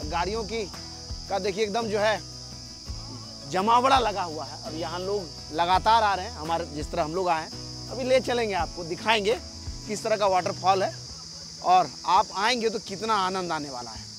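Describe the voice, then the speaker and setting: A man with a notably high voice talks viewers through a waterfall trip, filmed by a companion as he walks a forest path. His delivery is lively and direct, and he chats with passers-by along the way. Faint music sits underneath. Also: moderate pace. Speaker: travel vlogger. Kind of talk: on-location travel vlog commentary. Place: outdoors on a forest trail by a waterfall. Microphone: camera filmed by a companion while walking.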